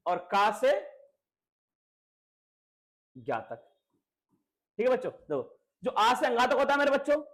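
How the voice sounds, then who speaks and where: A man teaching a grammar lesson to schoolchildren, asking and repeating questions. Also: high voice. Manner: lively, repeats questions to students, coaxing.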